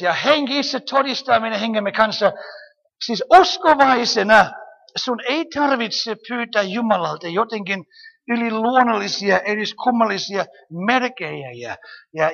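A woman preaching a lively sermon, often calling out hallelujah and amen and asking her listeners rhetorical questions. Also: a little high, creaky, highs cut off. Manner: animated, frequent hallelujahs and amens, rhetorical questions. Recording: long hall reverb.

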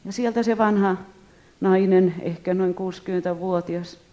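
A woman giving a spoken testimony to an audience, telling her story in a lively way and often addressing her listeners directly. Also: on the low side, lo-fi sound.

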